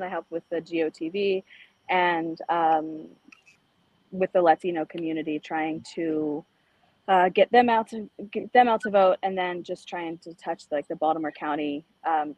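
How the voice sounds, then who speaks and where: A middle-aged woman from El Salvador talks as a guest on a radio show. Her voice sits a little low and sounds dry and close. She chats loosely, with lots of ums and restarts. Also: darkish tone, dry recording, highs cut off. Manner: conversational with frequent fillers and restarts. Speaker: insurance agent, guest. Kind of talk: casual radio interview. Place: high school.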